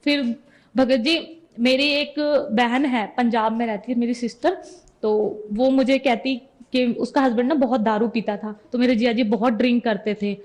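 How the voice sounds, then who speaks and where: A woman's voice: on the high side, fairly even intonation, moderate pace. A young woman giving an earnest personal testimony as a devotee, retelling conversations step by step.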